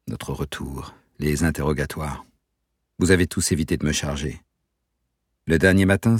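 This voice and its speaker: Man voicing a young captain, calm and intense, very deep voice, husky, quiet and insistent, dry close sound. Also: no room sound, exaggerated voice.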